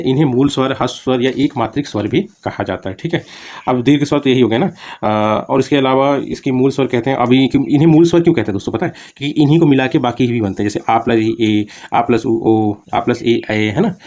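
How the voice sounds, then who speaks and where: A man's voice: mid-range voice, fairly even intonation, a little mellow. A man teaching Hindi grammar for exam preparation, explaining terms plainly with repeated examples and often checking in with his students. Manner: talks fast, keeps saying "ठीक है" and "दोस्तों". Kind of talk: exam-prep grammar lecture.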